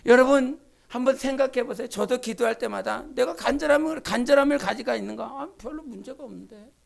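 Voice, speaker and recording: A woman pastor delivers a Sunday sermon in a church, her voice carrying a gravelly edge. She drops to hushed, confiding asides, then climbs into fervent, shouted pleas. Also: sits high, brisk. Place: church sanctuary.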